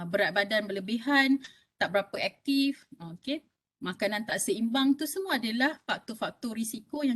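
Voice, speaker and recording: A doctor in her fifties with a Malaysian Malay accent gives a health talk to an audience. She speaks conversationally at medium pitch, often checking in with "okey?".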